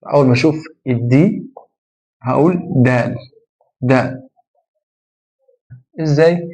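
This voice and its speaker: A man's voice: medium pitch, dark tone, rough recording. Egyptian man drilling English sounds. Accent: Egyptian Arabic. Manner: repeats words slowly for drilling, explanatory. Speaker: English pronunciation teacher. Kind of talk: phonetics lesson.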